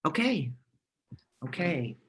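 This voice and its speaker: A woman's voice: deep voice, very animated, slow pace, exaggerated voice. A young woman reading the part of a flustered, stammering, indecisive young man in a live play reading. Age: young adult.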